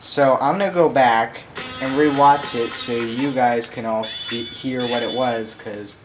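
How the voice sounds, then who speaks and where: Young guy rambling over a game, excitable, mid voice, game music loud behind. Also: mid-range voice, unhurried, low-quality recording. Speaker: gameplay commentator. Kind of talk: casual gameplay commentary.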